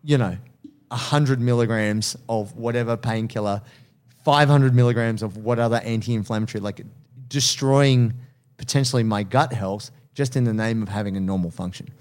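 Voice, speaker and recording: A man's voice: lowish voice, normal speed, a little mellow. A man in his thirties, a strength coach and personal trainer, talking candidly and earnestly in casual podcast chat, laughing easily.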